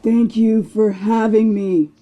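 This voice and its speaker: A woman voicing a polite dragonborn adventurer, her voice muffled as if through a wall by a costume head, speaking slowly and formally. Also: a little high, flat delivery, warm tone. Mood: stiff formal. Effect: muffled, as if through a wall, from inside a costume head.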